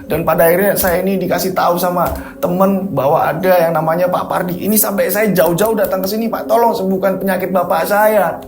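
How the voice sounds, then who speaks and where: A man's voice: high-pitched, steady tone, brisk, a little hiss or hum. A man voicing a desperate young man who pleads tearfully for help for his sick father. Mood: pleading.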